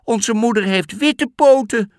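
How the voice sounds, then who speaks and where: A man voicing a group of frightened little goat kids, crying out in shrill fear in a storybook. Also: unhurried, a little mellow, dry recording, studio quality.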